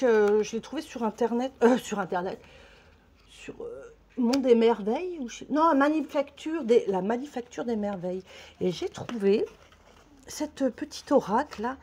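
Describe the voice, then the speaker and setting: A woman's voice: on the high side, darkish tone. A woman with a French accent chatting casually to camera as a vlogger, rambling and swearing lightly, a little out of breath.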